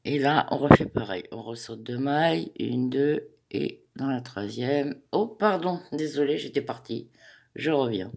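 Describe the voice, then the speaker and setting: A woman walks viewers through a crochet pattern step by step, chatty and hesitant, counting each stitch aloud. She speaks slowly and unhurriedly, and her voice has a gravelly edge. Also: very deep voice, expressive, darkish tone. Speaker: crochet tutorial host. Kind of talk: step-by-step craft tutorial.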